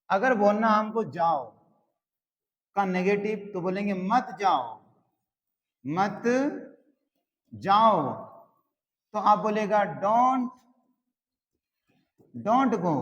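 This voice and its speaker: Slow-spoken male teacher in a reverberant room. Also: sits high, dull audio. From Bihar, India. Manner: very slow, repeats each phrase word by word. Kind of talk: slow classroom explanation of English grammar.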